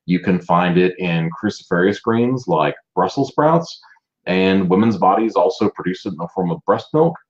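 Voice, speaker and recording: A man's voice: low voice, dull audio. A man hosting a casual live stream, chatting and greeting viewers by name as he presents. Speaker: livestream host presenting a business.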